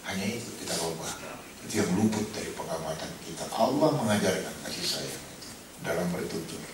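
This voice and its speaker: A male preacher giving a Ramadan study sermon, telling lively stories and acting out voices with humor. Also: low-pitched, brisk. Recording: echoey hall from far off with noise.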